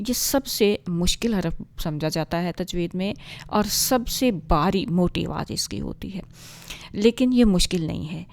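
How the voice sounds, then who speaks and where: A woman with a lowish voice teaches pronunciation slowly and patiently, breaking each sound into small steps. Her voice is close and dry, with no room around it. She models sounds over and over for learners. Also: darkish tone, no room sound. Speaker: Quran recitation teacher. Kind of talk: explanatory lesson with demonstrations.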